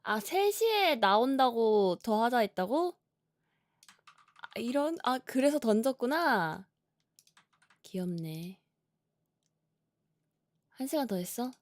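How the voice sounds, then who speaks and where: A woman live streamer chatting casually before a game, with a cutesy, playful, expressive anime-streamer manner. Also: a little high, slow pace, pauses often, dry recording. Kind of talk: casual livestream chat before playing a game.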